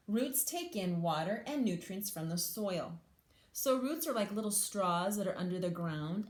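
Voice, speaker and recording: A woman teacher's medium-pitched, slightly mellow voice fills an echoey space as she reads a picture book aloud to young listeners. Along the way she offers simple explanations and asks them questions.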